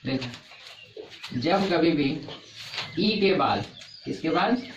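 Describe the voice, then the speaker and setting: A man's voice: fairly high pitch, animated, extremely slow, dull audio. Male teacher questioning a class. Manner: repeats points and keeps asking the class questions. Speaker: English teacher. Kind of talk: classroom lesson. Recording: echoey classroom from far off, noisy.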